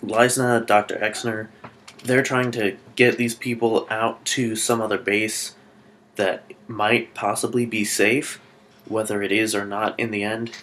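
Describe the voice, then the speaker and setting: Excitable rambling male vlogger. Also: lowish voice, slight background noise. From Alaska. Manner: rambling and excitable, with many fillers and restarts. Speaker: YouTuber reviewing a TV episode. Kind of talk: casual spoken review vlog.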